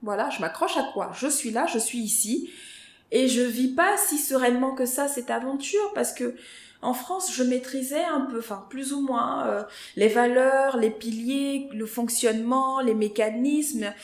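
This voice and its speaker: A woman guest on a podcast interview, telling her own career story in a lively conversational way and acting out what others said to her. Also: high voice, measured pace. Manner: lively storyteller who acts out quoted voices. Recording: roomy echo.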